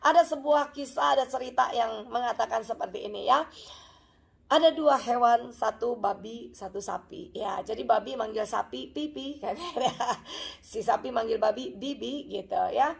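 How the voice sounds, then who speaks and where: A woman's voice: on the high side, normal speed, vocal fry. A woman pastor giving a chatty, story-filled sermon at a church service, with frequent asides to the congregation.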